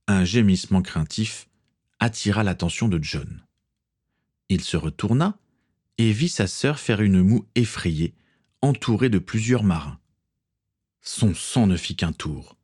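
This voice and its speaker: A man narrating a storybook reading in an expressive storytelling manner. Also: low voice, husky.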